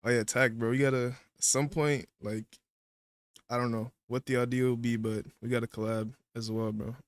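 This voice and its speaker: A man's voice: medium pitch, little pitch movement, normal speed, dry recording. Laid-back man chatting while eating. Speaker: livestream guest. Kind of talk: casual livestream chat.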